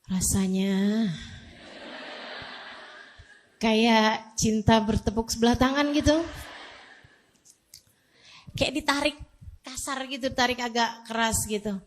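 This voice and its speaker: Female preacher, high-pitched, slow and chatty, lively storytelling with frequent laughs. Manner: animated storytelling, laughs often. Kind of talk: storytelling religious talk.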